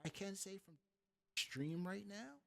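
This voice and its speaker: A man's voice: high voice, lively intonation, a little slow, creaky, bright, forceful tone. Man with glitching audio, voice dropping out. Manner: rambling, offhand. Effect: glitching audio, mic cutting out. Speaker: podcast host. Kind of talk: casual chat.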